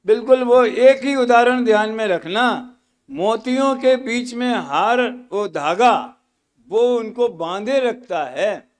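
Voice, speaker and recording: A man's voice: extremely high pitch, slow pace, smooth. A man teaching scripture at a study camp, explaining terms patiently with homely examples and repeating key words.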